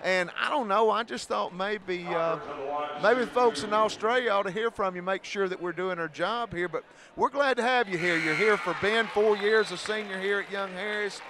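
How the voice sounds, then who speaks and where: A man's voice: sits high, moderate pace. A man with an Appalachian accent and a folksy manner, working as a sports announcer doing commentary and courtside interviews. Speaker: radio play-by-play announcer, host. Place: indoor basketball gym during a game. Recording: noisy gym with crowd and bouncing balls.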